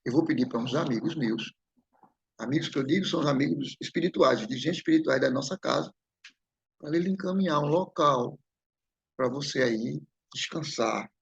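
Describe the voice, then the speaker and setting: Gravelly lecturer. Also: male voice, on the high side, moderate pace, highs cut off. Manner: conversational, repeats "né?" and addresses the audience. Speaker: lecturer at a spiritist center. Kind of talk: spiritist lecture with personal storytelling.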